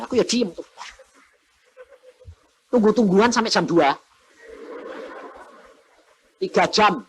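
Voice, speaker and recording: A man, preaching a testimony and acting out the voices in his story, sometimes shouting. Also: fairly high pitch, breathy edge. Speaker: pastor. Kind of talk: testimony sermon.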